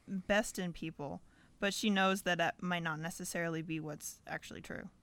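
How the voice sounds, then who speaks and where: Bright, smooth-voiced woman co-host. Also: fairly low pitch, fairly even intonation, normal speed. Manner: chatty, laughs easily. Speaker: podcast co-host. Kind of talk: casual podcast chat.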